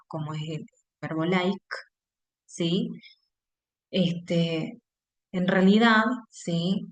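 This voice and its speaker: A woman with an Argentine Spanish accent gives an online English lesson over a computer mic. Her voice sits a little on the low side, and she moves through the material step by step, stopping after almost every phrase to check that her students are following. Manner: explains step by step, constantly checks with "¿sí?" and "¿bien?". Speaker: English teacher. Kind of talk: online class lecture.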